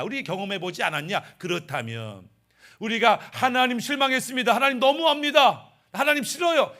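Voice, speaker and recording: A male pastor preaching a Sunday sermon, animated, swinging between a raised voice and quiet asides. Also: fairly high pitch.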